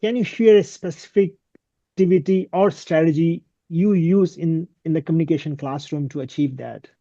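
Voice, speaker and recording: A man hosting an interview podcast, speaking softly and attentively and murmuring agreement often. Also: a little high, fairly even intonation, moderate pace, dry recording. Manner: soft-spoken, attentive, frequent murmured agreement. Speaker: podcast host. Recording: dry, slightly dull lo-fi sound.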